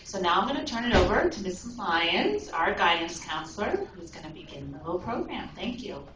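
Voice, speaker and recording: A woman's voice: fairly low pitch, big pitch swings, brisk. A woman from the school staff giving an earnest speech at a school awards breakfast, thanking the parents. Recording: echoey room from far off, noisy.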